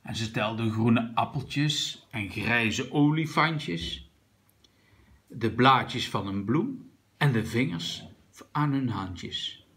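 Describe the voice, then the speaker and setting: A man reading a children's picture book aloud to a young child, gently pointing out what is in the pictures. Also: medium pitch, expressive, slow pace. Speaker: reader of a children's story.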